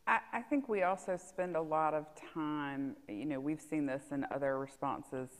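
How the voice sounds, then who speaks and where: A woman's voice: deep voice, moderate pace, in a large hall. Woman explaining public health on a panel. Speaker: state public health preparedness official. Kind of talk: panel discussion. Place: conference stage in a large hall.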